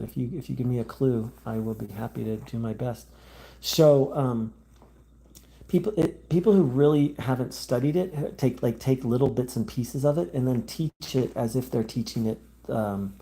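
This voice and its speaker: A man talks live into his phone as the host of a spiritual channel, stopping to read and answer viewer comments. His voice is dark and gravelly, with a mellow tone. He meanders through thoughts in a halting way, full of fillers and restarts, and stays gentle and conciliatory toward his viewers. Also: mid-range voice. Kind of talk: live-stream talk, reading viewer comments.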